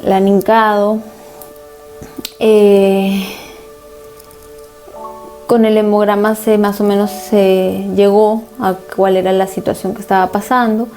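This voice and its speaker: A woman pastor delivers a sermon as a personal testimony, recounting events earnestly and in storytelling fashion. Her voice is mellow and warm, sitting at a middle pitch, with soft music playing faintly behind her.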